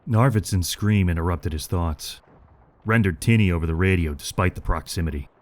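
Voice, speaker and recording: With a low, somewhat mellow voice, a male narrator performs a scripted military adventure. His delivery is dramatic yet steady and serious, in the manner of a storyteller.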